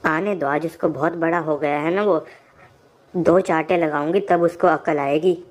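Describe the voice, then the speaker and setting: A woman voicing a worried young village woman searching for her missing brother in a cartoon, with a sharp, scolding manner. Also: fairly low pitch, level tone, moderate pace, natural voice. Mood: angry.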